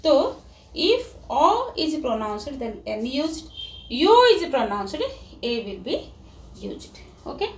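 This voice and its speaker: A woman with an Indian English accent teaches grammar at an unhurried pace, her high voice rising and falling a lot. She spells words out letter by letter. The mic sits away from her in an echoey room with a faint hum behind. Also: sing-song. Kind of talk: grammar lesson for children. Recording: roomy, distant mic, faint background hum.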